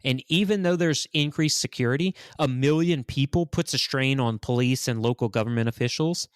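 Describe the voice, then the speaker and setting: A man from Louisiana gives conversational analysis as a host, in a mid-pitched voice. He explains things carefully, correcting himself, and the sound is close and very dry. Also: a little fast, smooth, no echo. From Louisiana, United States.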